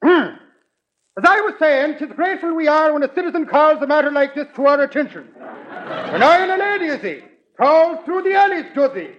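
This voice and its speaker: Dopey bellowing Irish cop, high-pitched. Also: male voice, animated, moderate pace. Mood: blustering. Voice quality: muffled, mouthful-of-blanket voice. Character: blustering Irish police officer, dim and loud. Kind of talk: old-time radio comedy acting. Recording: dull old radio recording.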